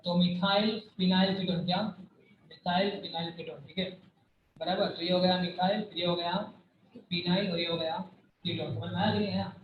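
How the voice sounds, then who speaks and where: In a far, echoey, phone-like room recording, a man with a high, steady voice at normal speed teaches a chemistry class. He quizzes students, repeats their answers, and sometimes scolds them.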